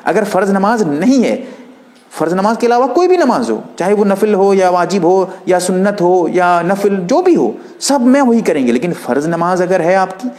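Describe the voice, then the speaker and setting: A man with a slightly raised pitch teaches prayer step by step. He is patient and explanatory, demonstrating each movement while he talks it through. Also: big pitch swings, normal speed, darkish tone. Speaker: religious teacher.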